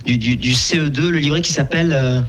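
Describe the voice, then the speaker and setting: A man hosting a live radio interview, asking questions in a halting way with frequent restarts and fillers. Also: a little high. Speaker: radio host.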